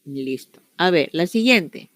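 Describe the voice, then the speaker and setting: A woman's voice: low-pitched, animated, takes it slowly, fairly bright tone. Woman teaching an online English class. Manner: explains step by step, switching between Spanish and English examples.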